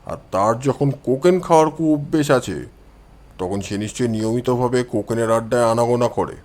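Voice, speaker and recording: A male storyteller plays the detective in a low, deep, natural register, calm and confident as he lays out his reasoning in measured phrases with quiet self-assurance, like an audio mystery story.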